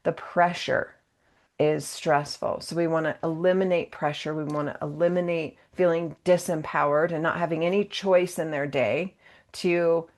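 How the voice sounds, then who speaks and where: Lower-voiced woman teaching yoga workshop. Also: steady tone, normal speed. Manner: casual, encouraging, checks in with "okay?"; acts out everyday exchanges in a playful voice. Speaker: yoga and mindfulness workshop presenter. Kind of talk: conversational training talk.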